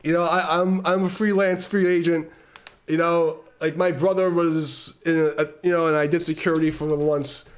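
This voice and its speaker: A middle-aged man from Brooklyn, holding forth on a live stream with a fairly high voice. He swears nearly every sentence, repeats words as he hunts for them, and keeps breaking into laughter while he tells his story. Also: little pitch movement, moderate pace. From Brooklyn, New York. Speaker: streamer telling a story to guests.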